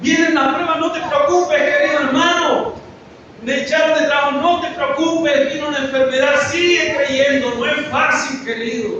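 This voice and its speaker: A man with a very high voice preaches an earnest, story-filled sermon, stretching out key words. He is picked up from far off in a hugely echoing room. The sound is dull and muffled, with steady noise behind him. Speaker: pastor. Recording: echoey, dull, noisy from afar.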